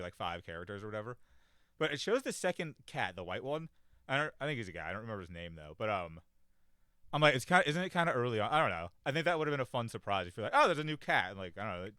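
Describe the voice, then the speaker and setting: A man with a lowish voice talks in a loose, rambling way and fills his sentences with fillers. His pitch jumps around a lot, and he stays offhand and pokes fun at himself. The sound is dry and close, with no room echo. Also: fairly bright tone, smooth. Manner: rambling, many fillers, offhand and self-deprecating. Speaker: show host. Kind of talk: casual solo commentary.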